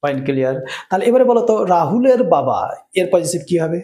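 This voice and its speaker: A man's voice: a little high, very animated, quick pace, mellow, echoey room. A man teaching English grammar rules in a lesson, often checking in with his students. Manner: asks students rhetorical check-in questions.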